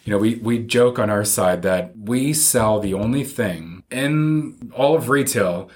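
A man with a fairly low voice talks as an advisor in an interview. He explains things in plain, informal, conversational language. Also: unhurried, darkish tone. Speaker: financial advisor, interview guest.

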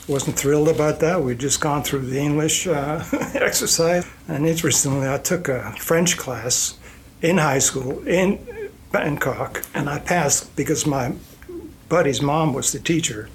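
An older man from Iceland, whose first language is Icelandic, recounts his past in a loose, chatty way, full of fillers and soft chuckles. His voice sits a little high. A faint ambient hum runs behind him. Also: a little slow. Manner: rambling anecdotes with fillers and chuckles. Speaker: guest, company president. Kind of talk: relaxed storytelling interview.

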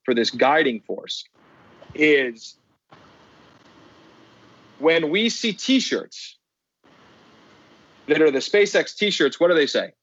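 A man's voice: on the high side, lively intonation, takes it slowly, pauses often, a bit bright, breathy edge, no echo, muffled recording. A man speaking as a podcast guest, telling stories with emphatic repeated phrases. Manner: emphatic, repeats words for effect. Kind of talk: animated storytelling.

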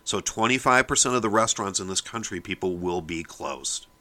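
A man holds forth on his own podcast, lecturing his listeners and stressing each point. His voice sits a little low and comes out tense and forceful. He keeps turning to the audience with a pointed "people". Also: expressive, a little fast. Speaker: podcast host. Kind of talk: opinion monologue.

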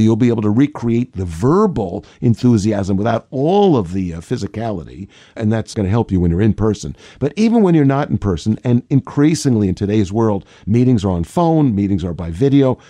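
Male speaking coach, lively pitch jumps, mellow tone, dry close sound. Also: no echo. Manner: animated, acts out examples with big pitch jumps. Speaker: communication coach. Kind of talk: motivational talk on delivering a pitch.

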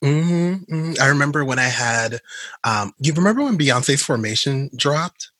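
A man's voice: medium pitch, lively intonation, sharp tone, dry recording. A young man hosting a podcast in casual chat, teasing his guest and laughing often. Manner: playful teasing, quick laughs. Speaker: podcast host.

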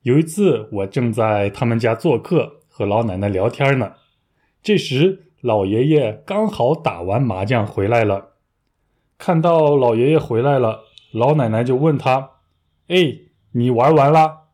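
Young guy teaching a language, mellow warm voice, patient clear explaining, bit playful. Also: mid-range voice, expressive, unhurried. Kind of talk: scripted language lesson.

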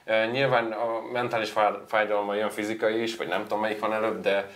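Low-voiced man reviewing his own mistakes. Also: little pitch movement, a bit bright. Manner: candid, self-critical. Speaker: guest, racing driver. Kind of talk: casual interview.

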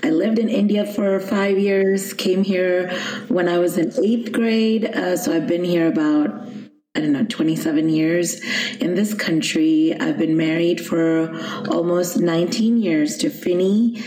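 A woman who grew up in Kuwait, introducing herself as a podcast guest in a calm, measured way. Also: on the low side, a little hiss or hum. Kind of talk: casual podcast chat. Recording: echoey room.

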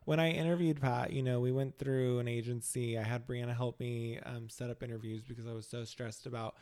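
A chatty man hosts a casual podcast, camp and playful as he talks. His voice comes through smooth and resonant. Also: medium pitch, steady tone, a little fast, darkish tone. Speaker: podcast host. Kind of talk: casual chat.

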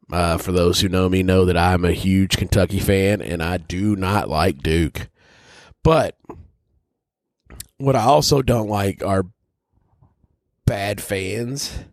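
A man's voice: lowish voice, dry recording, clean studio sound. A man hosting a casual whiskey tasting, talking bluntly and rambling, with frequent swearing. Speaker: whiskey reviewer host.

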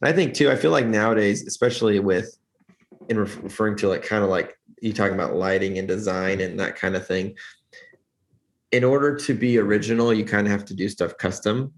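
A man's voice: fairly low pitch, a little fast. A man talking earnestly in a casual interview, rambling with many restarts as a church lighting director.

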